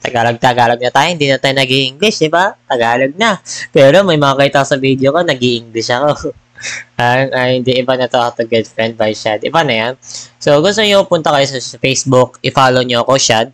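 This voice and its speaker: A man talks casually as a gaming vlogger, rambling from point to point and slipping English phrases into his speech. His voice sits at an ordinary middle pitch. It comes through a headset mic with a dry, close sound and no room echo. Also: a little fast, a bit bright. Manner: rambling, mixes Tagalog and English. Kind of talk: casual chat.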